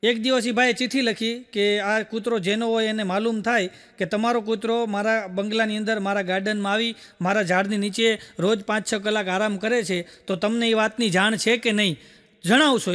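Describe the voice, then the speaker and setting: A man's voice: sits high, fairly even intonation, fairly quick, fairly bright tone. A man telling folksy jokes on stage as a stand-up comedian, stringing his stories together with "I said" and "he said". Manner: folksy storytelling, full of "I said" and "he said". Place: stage show with a live audience. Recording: long hall reverb.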